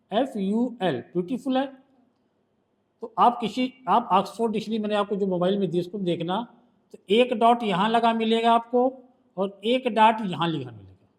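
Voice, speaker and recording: High-voiced male shorthand tutor. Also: a little slow. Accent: Hindi. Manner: patient, quizzing the student with questions. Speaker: shorthand teacher. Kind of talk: one-on-one tutoring.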